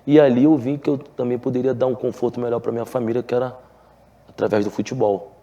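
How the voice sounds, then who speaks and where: A former footballer from Rio de Janeiro, Brazil, tells his story in a relaxed TV interview, speaking earnestly with a Carioca Portuguese accent and plenty of filler tags and restarts. His mid-range voice is mellow, with little pitch movement and a quick pace. The highs in the audio are cut off.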